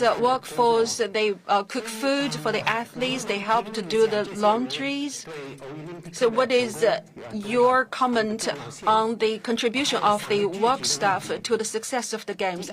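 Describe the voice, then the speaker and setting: A woman interprets live at a press conference. She delivers her English in halting, phrase-by-phrase bursts. Other voices are clearly audible behind her. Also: on the high side. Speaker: simultaneous interpreter.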